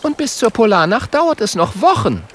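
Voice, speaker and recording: A man's voice: sits high, very animated, normal speed, a bit bright, a little hiss or hum, voice pushed up. A man doing a clever know-it-all girl.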